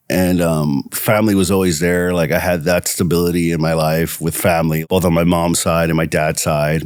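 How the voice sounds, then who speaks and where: A young man from El Salvador speaks in a very deep voice, dry and close with no room sound. He talks reflectively, with pauses and fillers, in a personal interview. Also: no echo. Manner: reflective, halting.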